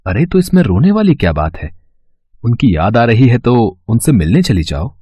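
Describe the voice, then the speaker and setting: A man voicing a calm, caring young husband in an animated story, speaking reassuringly. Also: mid-range voice, moderate pace, husky, dry recording.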